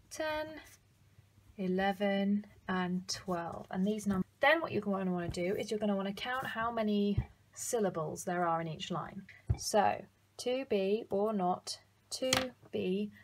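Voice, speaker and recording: Young woman, brisk hands-on demo, mid-pitched, plainspoken. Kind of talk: step-by-step demonstration.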